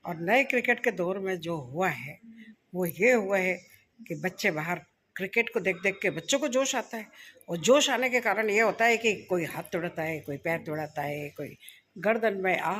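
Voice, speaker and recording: A woman's voice: a little hiss or hum, low-quality recording. Chatty woman vlogging at home. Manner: chatty, homely storytelling, gets loud and high when fussing over the injured child. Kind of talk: casual home vlog.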